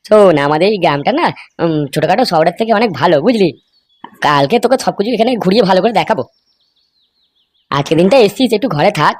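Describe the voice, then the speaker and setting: A woman voicing men in a crude comic cartoon, talking in rapid, coarse, scolding banter. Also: medium pitch, darkish tone, dry recording.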